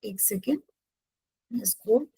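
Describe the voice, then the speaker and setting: A woman's voice: medium pitch, takes it slowly, dark tone, breathy edge, no room sound, rough recording. A woman teacher explaining poetry devices to a class, patiently checking in with her students.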